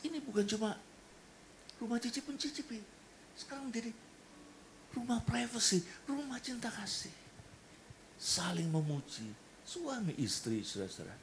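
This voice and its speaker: A man with an Indonesian accent preaching a sermon in a church, animated and acting out the people in his stories. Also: very high-pitched, normal speed, pauses often, noisy background. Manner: animated, acts out quoted voices and jokes. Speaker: pastor. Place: church hall.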